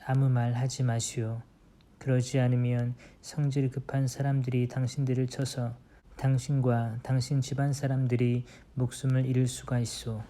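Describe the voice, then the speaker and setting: A man reading the quoted words of armed male tribesmen, in a lower and softer tone than his narration. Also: flat delivery, moderate pace, lightly acted. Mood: stern. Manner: quoted lines read plainly, lower and softer.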